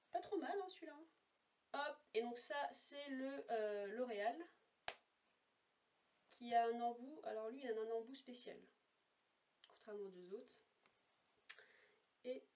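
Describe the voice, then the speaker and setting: A woman making a casual makeup swatch vlog at home, chatty and rambling with many fillers, talking to a camera set apart from her. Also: fairly high pitch. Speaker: beauty vlogger. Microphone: camera set apart, no monitor. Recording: voice a little far from the mic.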